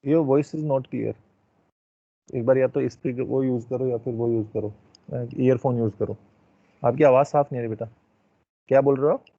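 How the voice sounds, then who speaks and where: A man with an Indian accent, a teacher giving an online class, explaining slowly and checking in often, heard through a thin, phone-like headset mic. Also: medium pitch, fairly even intonation, warm tone, no echo. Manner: slow, drawn-out explaining with frequent check-ins.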